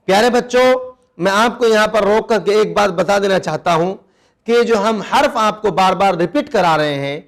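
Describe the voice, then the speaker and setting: Man, high-pitched, quran teacher for children, patient, repeats words slowly. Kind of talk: children's recitation lesson.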